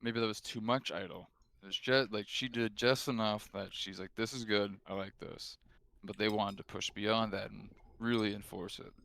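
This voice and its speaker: A man chatting casually as a co-commentator in a low-key way, with short remarks and questions. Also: fairly even intonation, normal speed, creaky, a bit bright. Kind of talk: casual chat.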